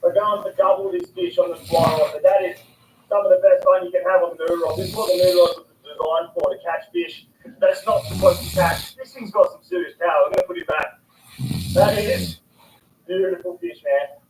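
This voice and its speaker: Man, high voice, excitable fishing vlogger, distant echoey outdoor recording with background noise. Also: fairly quick. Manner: excitable, exclaiming loudly, slangy. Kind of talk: casual outdoor fishing commentary. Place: outdoors by the water.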